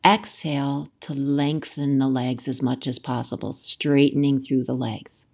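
A woman instructor leading a yoga and breathwork class in a gentle, measured way, leaving pauses between short instructions. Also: extremely low pitch, fairly even intonation, creaky.

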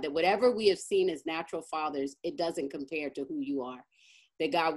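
Woman pastor preaching over a video call, lowish voice, keeps saying right?. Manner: emphatic, keeps asking "right?", fervent in prayer. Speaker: pastor leading a teaching and discussion. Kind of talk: informal teaching then spoken prayer.

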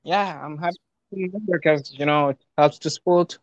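A man calling in to a live stream over a glitchy call whose audio breaks up, talking in a hesitant, halting way. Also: a little high, dry recording. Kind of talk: casual call-in chat. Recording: muffled, distant call audio.

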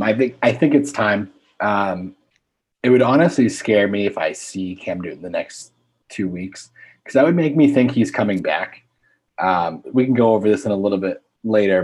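Husky low-voiced man chatting sports. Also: darkish tone. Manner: easygoing, hesitant with ums. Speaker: podcast co-host. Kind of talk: casual sports chat.

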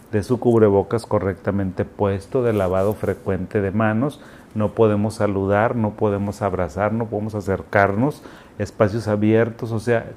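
A man's voice: fairly low pitch, a little mellow. A man with a Mexican accent, a doctor explaining things to parents in a conversational, advice-giving way. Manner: conversational, explanatory, acts out quotes.

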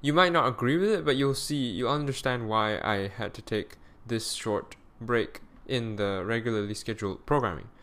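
A man's voice: mid-range voice, moderate pace, hardly any pauses, fairly bright tone. A man hosting his solo podcast with a tired, weary voice, rambling and correcting himself with many fillers, recorded close on a mic at home. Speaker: podcast host.

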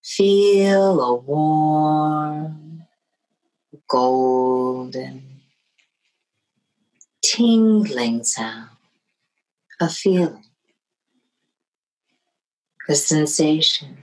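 A woman guiding a meditation with a soothing, hushed delivery. Her voice sits very low, and she speaks extremely slowly, leaving long pauses between phrases. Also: animated, rough recording. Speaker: meditation guide. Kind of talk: guided meditation.

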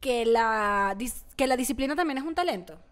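A woman co-hosting a casual chat, telling animated stories full of slang and English words. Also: on the high side, normal speed. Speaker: podcast co-host.

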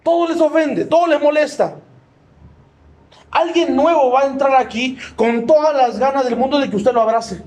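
A man's voice: very high-pitched, moderate pace, darkish tone. A man preaching a sermon in a church, emphatic and humorous, often asking the congregation yes-or-no questions and mimicking people.

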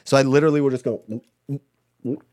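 A young man co-hosting a casual podcast chat, animated and laughing often, swearing casually. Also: mid-range voice, fast, no echo. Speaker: podcast co-host.

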